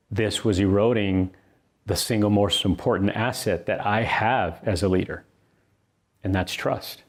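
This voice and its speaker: Earnest and conversational, a middle-aged man reads his own book aloud, recounting a personal story with thoughtful pauses. His voice is lowish and a little mellow.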